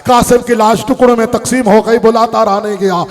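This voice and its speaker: High-pitched lamenting male preacher. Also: fairly even intonation, soft background music. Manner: lamenting, drawn-out chanted delivery. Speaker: Shia cleric giving a mourning sermon. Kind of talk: impassioned mourning sermon. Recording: long reverb of a large hall.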